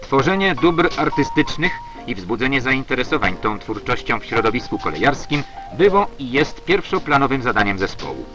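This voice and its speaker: A man's voice: mid-range voice, very animated, normal speed. A man narrating an old newsreel in a formal, declamatory announcer style, reading a prepared script. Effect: old 1970s newsreel narration. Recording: dull lo-fi archival film sound with music. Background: music.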